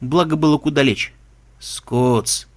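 Male audiobook narrator, slightly high voice, steady and measured pacing. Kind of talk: audiobook reading.

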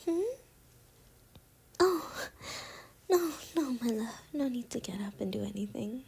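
Woman, ASMR roleplay, breathy close-mic whisper, high voice, unhurried delivery. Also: animated. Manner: soft breathy whisper, intimate and pleading. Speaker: ASMR performer.

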